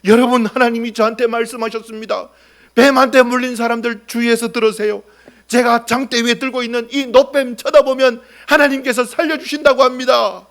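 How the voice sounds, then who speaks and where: A man's voice: extremely high pitch, little pitch movement, fairly quick, a bit bright, voice pushed up. A man voicing an earnest leader making an announcement to a crowd in a raised, proclaiming voice.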